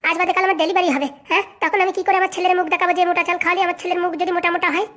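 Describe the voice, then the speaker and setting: A woman voicing a demanding, sharp-tongued pregnant young wife in a comic cartoon, scolding and nagging. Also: very high-pitched, level tone, very fast. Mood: complaining. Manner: scolding, nagging with constant "haa?" tags.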